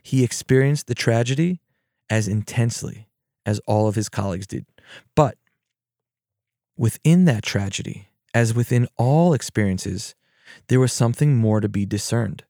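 Gravelly, mellow-voiced male therapist. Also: mid-range voice, moderate pace, no room sound, clean studio sound. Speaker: therapist and podcast host. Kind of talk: reflective mindfulness teaching talk.

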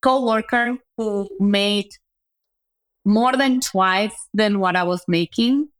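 Taking her time, a woman with a clear, resonant, medium-pitched voice looks back on her career as a guest entrepreneur. It's conversational interview storytelling, and she keeps checking in with "right?".

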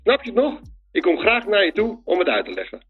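A man's voice: sits high, huge pitch swings, fast. A man leaving a voicemail message, rattling off industry jargon and questions, heard played back. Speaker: media industry caller. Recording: dull lo-fi voicemail with faint music.

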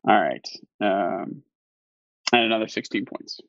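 A man's voice: on the low side, measured pace, creaky, fairly bright tone, no room sound. A man playing a tabletop game, hesitant, with many fillers as he describes his moves. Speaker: player. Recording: dull lo-fi recording.

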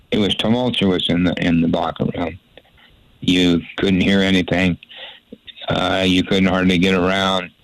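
An older man with a notably deep voice spins long, folksy anecdotes about his broadcasting days. He rambles and restarts his sentences as he goes. The sound is dry and close. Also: dry recording, poor audio. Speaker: former sports radio broadcaster. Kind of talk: storytelling interview.

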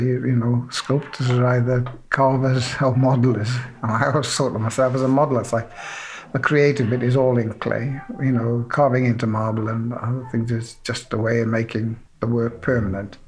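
Casting: older man from South Wales, mid-pitched, chatty and rambling, faint hiss behind. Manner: rambling, frequent "you know", self-deprecating. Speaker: sculptor being interviewed. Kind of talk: relaxed interview storytelling.

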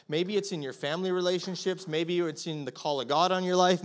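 A man preaching a sermon as pastor, earnest, acting out prayers to God and dropping to a soft hush at times. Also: sits high. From Canada.

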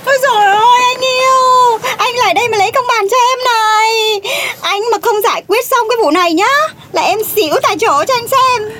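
A woman's voice: expressive, fairly quick, few pauses, pushed and bright, a little hiss or hum, exaggerated voice. A woman voicing a brash, melodramatic young woman who wails and blusters in a comedic audio drama. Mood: whiny. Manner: shrill, theatrical, wailing.

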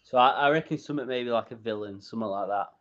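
A man co-hosting a casual film podcast, relaxed and a bit hesitant. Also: medium pitch, quick pace. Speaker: podcast co-host. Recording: dull lo-fi podcast audio.

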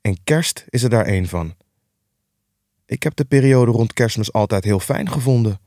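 A man's voice: lowish voice, animated, normal speed, warm tone, dry recording. A man voicing a relentlessly cheerful young nephew in an audiobook reading, earnest, upbeat and pleading. The recording is dry and close.

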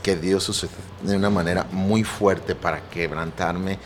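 A man's voice: low voice, steady tone, a little slow, slight background noise. A middle-aged man, a pastor earnestly telling his personal testimony and quoting scripture. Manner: earnest, preacherly, quotes scripture.

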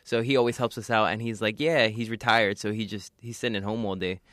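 A man's voice: lowish voice, steady tone, quick pace, fairly bright tone, no echo, clean studio sound. A young man, chatting casually with laid-back slang and jokes. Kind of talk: casual joking chat.

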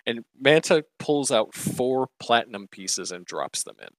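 A man's voice: medium pitch, animated, a little slow, no echo. A man running a tabletop game as game master, narrating loosely with many fillers.

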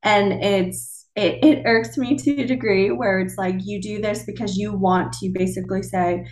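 Woman podcast co-host, mid-pitched, casual and conversational, recorded in an echoey room. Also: steady tone, moderate pace, darkish tone. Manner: conversational, with restarts and fillers.

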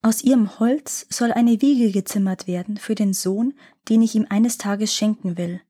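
A woman voicing a lying, scheming young servant maid who fawns and flatters. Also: medium pitch, unhurried, slightly rough. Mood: commanding. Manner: sly, fawning replies.

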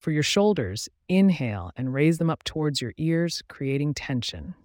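A man guiding a relaxation meditation in a calm, soothing, measured way, giving instructions with pauses. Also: on the high side, dry recording, studio quality. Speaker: meditation guide. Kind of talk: guided relaxation meditation narration.

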